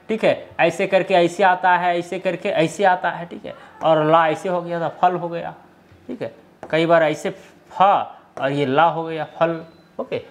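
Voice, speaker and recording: A man explaining a script lesson step by step, often checking in with the viewer. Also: fairly high pitch. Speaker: teacher.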